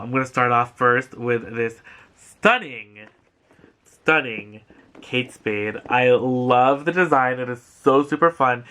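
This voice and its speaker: This young man's voice is medium in pitch, bright and forceful. He's sitting on the living room couch at home, hosting a laid-back thrift haul vlog where he gushes and rambles, packing in lots of fillers.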